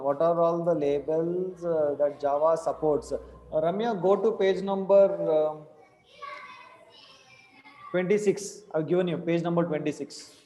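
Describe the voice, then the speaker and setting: A young man with an Indian accent teaches an online class informally, often repeating himself and checking in. His voice is high and soft-toned, with a long room reverb. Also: slight background noise. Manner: informal, questioning, repeats instructions. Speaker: programming teacher. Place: small indoor room. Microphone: computer mic on a video call.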